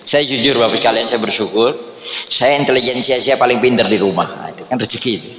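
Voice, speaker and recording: Bright-voiced joking East Javanese preacher. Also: male voice, medium pitch, fast talker, a little hiss or hum. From Indonesia. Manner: joking, chatty, often adds "Pak" to address listeners. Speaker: Islamic preacher. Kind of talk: humorous Islamic study talk. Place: large echoey hall at an office. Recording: echoey hall with faint ambience.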